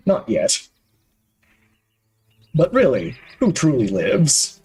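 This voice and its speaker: A man voicing a kindly older man who is secretly a lizard-like creature, speaking in a calm, soothing tone. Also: mid-range voice, slow pace, breathy edge, heavily acted, rough recording. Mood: teasing. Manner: calm, soothing and mildly teasing.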